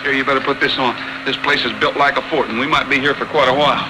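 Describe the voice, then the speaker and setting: An actor playing a steady, resourceful western hero in a 1940s film, plain-spoken and reassuring. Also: male voice, medium pitch, fast, background noise, natural voice. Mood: practical, resolute. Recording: old 1940s film soundtrack with music.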